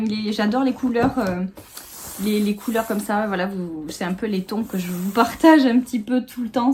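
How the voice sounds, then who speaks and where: A woman's voice: a little high, darkish tone, slight background noise. A woman in her thirties chatting casually while she unboxes at home, with lots of fillers and little laughs. She is sitting on a small sofa in her home office and recorded by the camera. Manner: chatty, giggly, many fillers. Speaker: vlogger.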